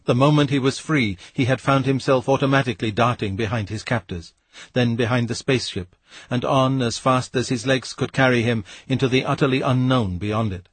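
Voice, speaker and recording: A man reading a novel aloud as an audiobook narrator, in a measured, steady way. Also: mid-range voice, husky, dry recording. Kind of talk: scripted narration.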